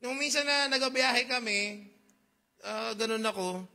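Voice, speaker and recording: Bright high-voiced Filipino pastor preaching. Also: male voice. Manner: mixes Tagalog and English, reads KJV verses slowly; asks the congregation questions, jokes. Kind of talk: sermon.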